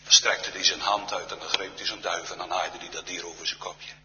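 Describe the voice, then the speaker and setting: A man's voice: low voice, fairly even intonation, a little fast, sharp tone, a little hiss or hum. A man preaching a solemn church sermon, often sinking to a near-whisper. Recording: reverberant church hall, dull sound.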